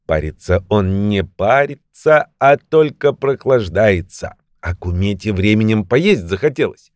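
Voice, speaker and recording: A man reads a fairy tale aloud in a lively, expressive way. His voice sits a little low and swings widely in pitch. The recording is dry and close, with no room sound. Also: unhurried, no room sound. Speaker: storyteller.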